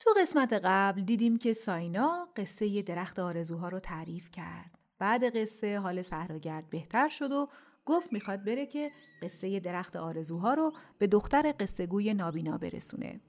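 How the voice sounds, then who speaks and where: A woman hosting a children's audio story series, narrating in a gentle, intimate, softly spoken way. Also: mid-range voice, lively intonation. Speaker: storyteller host.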